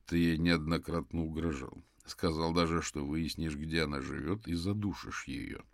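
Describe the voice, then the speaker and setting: A weary, stern detective questions a suspect, as a man plays him. His voice is very deep and clipped. The sound is dry and close. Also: fairly even intonation, moderate pace, creaky, no room sound. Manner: curt, impatient commands. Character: tired, stern male detective.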